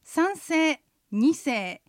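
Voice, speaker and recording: A woman's voice: high-pitched, very animated, drawn-out words, no echo, clean studio sound. A woman co-hosting a radio language lesson as an interpreter guide, explaining phrases and tones patiently. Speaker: co-host, interpreter guide teaching Chinese phrases.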